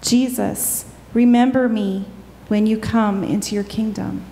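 A woman's voice: mid-range voice, steady tone, measured pace, gravelly, noisy background. A woman giving a dramatic reading of scripture at a church service. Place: large church interior before a congregation. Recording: long reverberant church hall.

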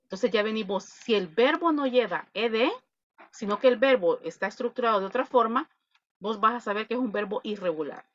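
A woman's voice: fairly high pitch, a little fast, muffled recording. A woman English teacher with a Salvadoran Spanish accent, patiently explaining an online class and repeating her points.

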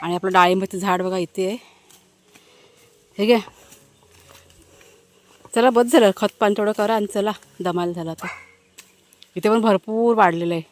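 A woman's voice: medium pitch, normal speed, long pauses. A woman family vlogger chatting casually to her viewers while she works outdoors in a village garden, talking fondly to her dogs, recorded on a handheld phone.

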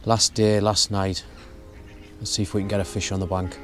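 A young man explaining his fishing setup in a relaxed, step-by-step way while outdoors at a lake. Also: on the low side, moderate pace, faint music behind. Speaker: fishing vlogger. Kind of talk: casual how-to narration. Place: outdoors at a lakeside bank.

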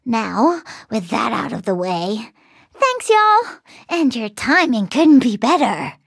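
A woman's voice: on the high side, big pitch swings, takes it slowly, creaky, slightly rough, no room sound, clean studio sound, heavily acted. A woman voicing a playful, carefree young cookie train conductor in a video game, with a cutesy, breezy delivery. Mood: cheerful. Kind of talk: video game cutscene voice acting.

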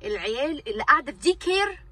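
A woman's voice: sits high, very animated, very fast, bright, forceful tone, far from the mic, rough recording. A woman with an Egyptian Arabic accent, a mother and vlogger venting casually to her viewers in an exasperated, ranting way, repeating herself for emphasis.

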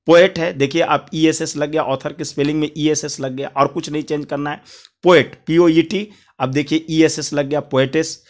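Male online tutor, fairly high voice, patient, repetitive, spells words aloud letter by letter. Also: steady tone, moderate pace. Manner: addresses viewers as friends, repeats each point. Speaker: English teacher. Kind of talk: Hindi grammar lesson.

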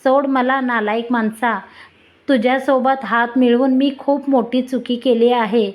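A woman's voice: a little high, steady tone, unhurried, lightly acted. A woman storyteller voicing a young woman who rejects and then thanks the men around her, in a pleading, indignant manner. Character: young woman fending off a man.

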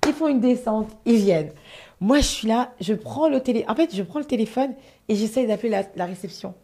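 Woman, live storyteller, fairly high voice, dramatic and animated, swears, talks to her viewers. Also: brisk. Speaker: storyteller host of a live stream.

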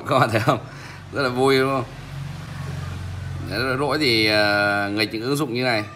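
A man casually demonstrating a phone app as a vlog host, speaking haltingly with many pauses. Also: mid-range voice, steady tone, sharp tone, faint music behind. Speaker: tech vlogger, host.

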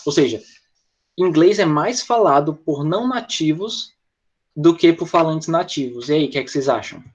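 A man's voice: on the high side, lively intonation, moderate pace. A man with a Brazilian Portuguese accent teaching English in an online class, explaining points and answering students from the chat. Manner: explanatory, talks with students by name and reads the chat. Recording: lo-fi dull audio.

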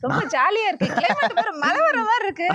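A woman's voice: extremely high pitch, very animated, quick pace, bright, forceful tone, highs cut off, exaggerated voice. A woman acting in a short drama as a married mother who pleads and refuses a man who wants to marry her. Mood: cheerful. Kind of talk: short social drama skit.

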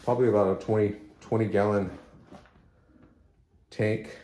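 In his home practice room, a middle-aged man holds up a phone camera and chats about a product, rambling, starting over and repeating himself. His voice is low, steady and warm, at a normal speed.

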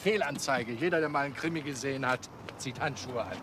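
A man's voice: medium pitch, fairly quick, noisy background, natural voice. An actor playing a forensics officer who reports his findings in a dry, matter-of-fact way. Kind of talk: 1980s TV crime drama acting.

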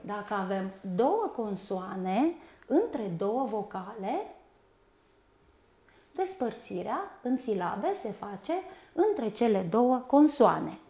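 A woman teaching a primary school lesson, speaking slowly and carefully and spelling words out syllable by syllable. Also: mid-range voice, big pitch swings, dark tone.

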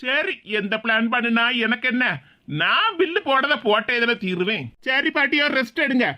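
Confused cartoon doctor guy, woman doing him high bright voice, tirunelveli accent, mutters to himself. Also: expressive, normal speed. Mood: puzzled. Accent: Tirunelveli Tamil. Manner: puzzled, muttering asides. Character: baffled young male hospital doctor.

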